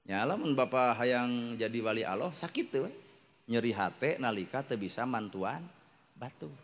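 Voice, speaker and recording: Jokey Sundanese-accented male preacher. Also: normal speed. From West Java, Indonesia. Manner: lively, jokey, acts out quoted wives and angels in high voices. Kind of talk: humorous Sundanese sermon.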